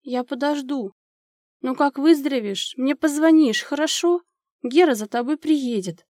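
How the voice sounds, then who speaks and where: A woman voicing a little girl who misses her mother, in a high childlike pleading voice. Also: a little slow, a little mellow, no echo, studio quality. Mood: tearful.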